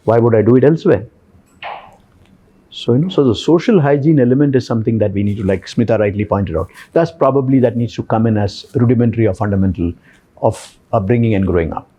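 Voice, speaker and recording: A man's voice: mid-range voice, fast, dark tone, dull audio. A man from India with an Indian accent, speaking as a podcast panellist who asks and answers his own questions.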